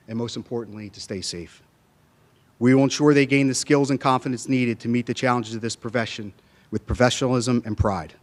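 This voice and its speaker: A man delivers a formal, prepared ceremonial welcome speech in a measured public-address manner, speaking into a podium microphone in a meeting room. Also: medium pitch. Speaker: police department official giving a welcome speech.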